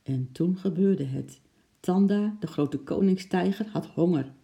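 Storybook narrator: steady, expressive, deep-toned and grainy. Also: measured pace, gravelly. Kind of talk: children's storybook reading.

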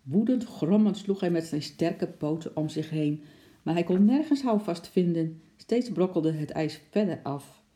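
A woman narrating a children's storybook with expressive, dramatic delivery. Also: fairly low pitch, measured pace. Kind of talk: children's storybook read-aloud.

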